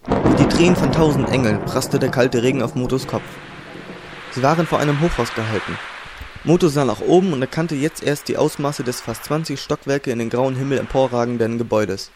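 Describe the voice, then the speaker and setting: A man narrating a fantasy audiobook in a calm, even reading voice. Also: medium pitch, a little fast, background noise. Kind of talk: storybook narration.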